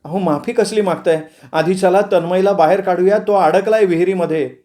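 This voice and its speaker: A man's voice: high-pitched, normal speed, warm tone, pitched above the performer's own voice, close to an everyday voice. A man voicing an anxious, determined young wife, speaking in a pleading, urgent tone.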